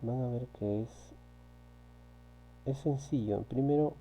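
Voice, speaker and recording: A man teaches a physics class in a recorded online session walking through exercises, patiently repeating key points and often checking in with students. His medium-pitched voice is slow, and the dull audio carries a faint electrical hum.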